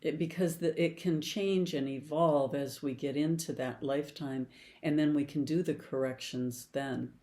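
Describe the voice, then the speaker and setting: With a deep, dark voice and fairly even intonation, an older woman speaks at a moderate pace. She's a past life regression therapist giving an explanatory talk in a chatty way, full of client anecdotes.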